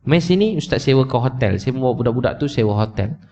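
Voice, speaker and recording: In a slightly dull lo-fi recording, a preacher talks fast before a live audience, emotionally telling a story, going over his points repeatedly, and speaking directly to the people listening. His mid-range voice is expressive and a little mellow.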